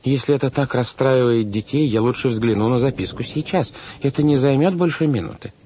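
A man's voice: mid-range voice, brisk, mellow, a little hiss or hum, pitched above the performer's own voice, natural voice. A man reading an audiobook, voicing a fussy, well-meaning guardian who frets over the children. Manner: fussy, fretful, raised voice. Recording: dull lo-fi audiobook recording.

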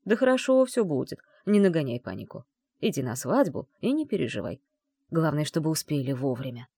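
A woman's voice: low voice, sing-song, a little fast, warm tone, husky, dry recording, heavily acted. A woman voicing a sly, mocking male dragon, cheeky and offhand. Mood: teasing.

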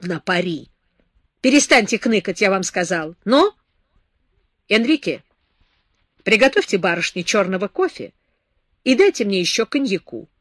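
Brief: woman doing a stern, mocking grown man, sharp and lecturing, loud and dry. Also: medium pitch, sing-song, moderate pace, pauses often, dry recording. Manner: harsh, sarcastic, lecturing. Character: stern scornful man scolding a drunk girl.

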